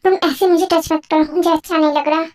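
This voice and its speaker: A woman's voice: high-pitched, steady tone, fast talker, darkish tone, poor audio. A woman voicing every part of a homemade fan dub drama in a plain conversational way. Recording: faint music behind.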